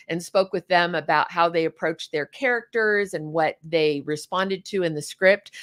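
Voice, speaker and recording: A woman's voice: lowish voice, fairly bright tone, no room sound, clean studio sound. A woman hosting an online talk show, chatty and effusive, with many ums. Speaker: host.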